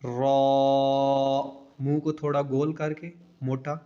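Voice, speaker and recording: A man teaching the Arabic alphabet for Quran reading, drawing out each letter name slowly and adding short spoken instructions between them. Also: medium pitch, level tone, a little mellow. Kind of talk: letter-by-letter recitation lesson. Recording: dull lo-fi recording.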